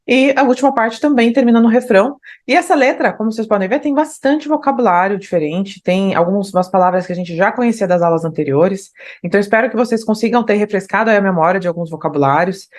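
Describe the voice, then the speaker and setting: A woman's voice: mid-range voice, a little mellow. Brazilian female English teacher, patient and explanatory, mid-range voice. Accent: Brazilian Portuguese. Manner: explanatory, tags phrases with "né?"; slows down to read lyrics aloud. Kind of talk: online language lesson.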